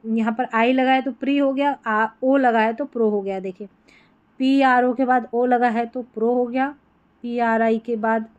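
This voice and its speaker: A woman with a Hindi accent teaching English reading patterns, sounding out each word, repeating it, and quizzing the listener. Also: on the high side. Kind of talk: explaining spelling patterns.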